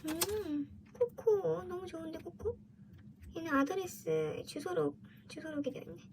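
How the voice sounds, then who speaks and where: A woman's voice: very high voice, normal speed. A woman giving casual unboxing commentary as a vlogger, with a girlish, gushing fangirl manner. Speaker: vlogger opening collectible merchandise. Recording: clearly noisy background.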